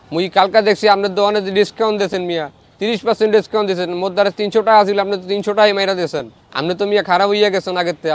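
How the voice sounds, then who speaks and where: A young man mimicking rough-talking dialect men. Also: sits high, natural voice. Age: young adult. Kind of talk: mimicry of voices.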